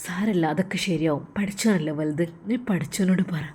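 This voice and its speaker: Woman doing a gentle consoling young friend. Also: on the low side, brisk, breathy edge. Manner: soothing, coaxing.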